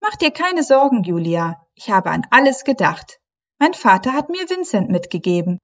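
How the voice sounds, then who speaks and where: A woman's voice: fairly high pitch, sing-song, normal speed, dull audio. A woman voicing a cheerful little girl mermaid in a bubbly, eager way. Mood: joyful.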